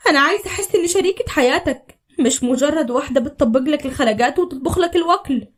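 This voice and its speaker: High-voiced upper egyptian young wife, quick and emotional, woman reading her, storybook drama. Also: expressive. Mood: pleading. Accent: Upper Egyptian Arabic. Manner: emotional, pleading.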